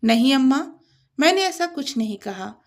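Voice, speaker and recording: A woman's voice: high voice, very animated, moderate pace. A woman voicing a hardworking young wife who speaks earnestly and holds herself back. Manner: earnest, restrained.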